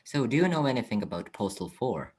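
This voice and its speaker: A man's voice: medium pitch, big pitch swings, fast talker, darkish tone, breathy edge. A man hosting a podcast, asking questions with hesitant phrasing. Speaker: podcast host. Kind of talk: interview questions.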